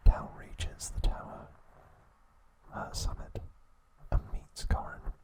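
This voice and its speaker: An ASMR host narrates an episode recap, a man speaking deliberately in short phrases separated by pauses.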